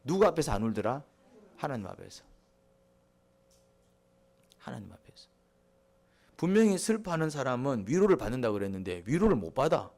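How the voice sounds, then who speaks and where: A middle-aged male pastor preaches. His pitch moves all over the place, dropping to low, quiet asides and then jumping up for loud, emphatic points. He keeps throwing questions at the congregation and answering them himself. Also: very animated, fairly quick, long pauses. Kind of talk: sermon.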